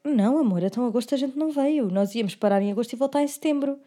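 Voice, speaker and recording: A young woman speaks European Portuguese-accented, slangy chat in a high voice. She talks quickly as a podcast co-host, dropping in English words. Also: mellow. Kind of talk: casual chat.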